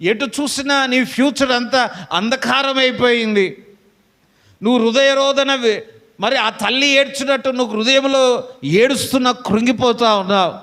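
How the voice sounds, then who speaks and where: A man's voice: extremely high pitch, normal speed, a bit bright, in a large hall. A pastor preaching a fervent sermon to his congregation, calling out amen and hallelujah again and again.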